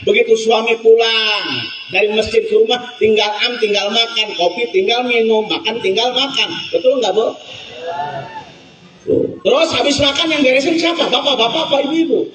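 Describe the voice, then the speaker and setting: A man's voice: very high-pitched, normal speed. A man preaching a humorous sermon, telling stories with acted voices and asking the crowd questions. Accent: Indonesian. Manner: lively storytelling, acting out voices and asking the crowd. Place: prayer hall, loud room. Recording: echoey hall, from far off.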